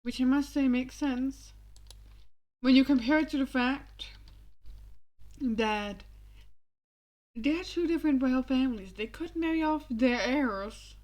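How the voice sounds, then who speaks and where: A young woman streamer giving casual, rambling commentary, often exasperated and swearing freely. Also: on the high side.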